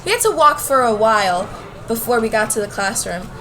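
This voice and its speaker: A woman acts as a nervous, bewildered schoolgirl telling her story in first person, with acted dialogue, for an amateur radio play. Fairly high and expressive, she talks briskly and lightly acted, with a crowd in the background on a rough recording.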